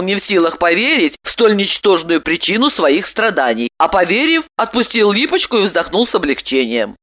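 Expressive woman narrating an audiobook. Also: mid-range voice. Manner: expressive storytelling.

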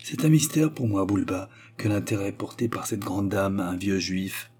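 A man's voice: sits low, lively intonation, moderate pace, a little mellow, husky. A man reading as a hesitant young woman in an audiobook. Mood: wary. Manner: hesitant, stammering. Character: young woman, wary and reluctant.

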